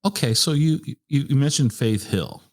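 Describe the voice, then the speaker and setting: A man hosting an interview, asking questions in a halting way with restarts. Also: medium pitch, expressive. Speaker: interviewer, host.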